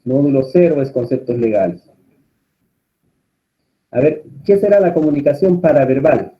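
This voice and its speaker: A man's voice: mid-range voice, moderate pace. Man teaching a class over muffled audio. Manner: questions the students often, in a calm teaching tone. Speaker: course instructor. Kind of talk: online class lecture.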